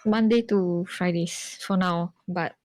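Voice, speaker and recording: A woman's voice: on the low side, steady tone, slow pace, darkish tone, dry recording. A young woman, playing a tabletop game and chatting casually. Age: young adult. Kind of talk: casual chat.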